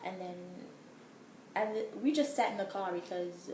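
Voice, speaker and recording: A woman's voice: mid-range voice, normal speed, warm tone. A young woman telling a casual story in an exasperated, emphatic way, full of filler words. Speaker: vlogger. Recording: echoey room, faint background hum.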